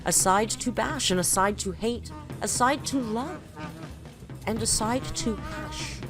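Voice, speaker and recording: A woman with a higher voice reads a poem dramatically and then critiques it, speaking in a grandiose, theatrical, unhurried way with very expressive intonation. Background music plays under her voice.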